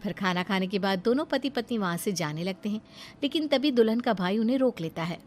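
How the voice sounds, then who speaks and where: A woman's voice: medium pitch, animated, brisk, a little mellow, faint music behind. A woman reading scripted story narration.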